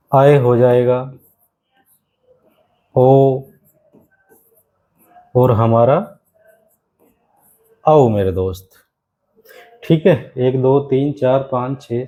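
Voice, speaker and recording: A man with a mellow, warm voice teaching grammar to exam candidates. He talks at a middling pitch and slows right down to repeat each phrase for dictation. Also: poor audio. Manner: repeats key phrases slowly for dictation, keeps calling the class "my friend". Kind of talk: exam-prep classroom lesson.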